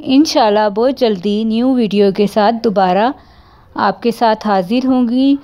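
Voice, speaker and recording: Cooking vlog host, woman, Pakistani Urdu accent, unhurried and mellow, gently devout. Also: a little high, poor audio. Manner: slow, gentle, with pious blessings. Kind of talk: recipe vlog narration.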